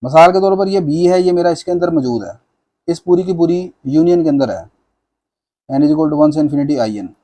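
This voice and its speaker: A man gives a patient maths lecture, stepping through each proof. His voice sits fairly high but sounds warm and mellow. He checks in with his students often and drops English terms into his explanations. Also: moderate pace. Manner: patient, repeats "theek hai na" to check understanding; mixes English maths terms into Hindi-Urdu speech.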